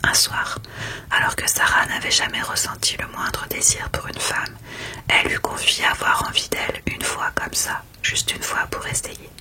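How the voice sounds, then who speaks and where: A woman speaking in a hushed, unvoiced library whisper, chatting about books in an ASMR style. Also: normal speed. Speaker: ASMR creator reviewing books. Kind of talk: whispered ASMR book chat.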